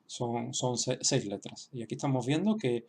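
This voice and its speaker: A man explaining a writing lesson slowly, with frequent fillers and restarts. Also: medium pitch, animated, darkish tone, slightly rough. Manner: hesitant, many restarts and fillers; slow, explanatory. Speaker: language teacher. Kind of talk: online lesson.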